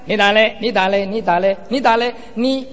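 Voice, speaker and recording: A man's voice: sits high, a little fast, fairly bright tone. A man playing a brash male ring master who mockingly challenges the crowd one by one. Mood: taunting. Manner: teasing, mocking, repetitive challenges. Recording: reverberant hall, dull lo-fi sound.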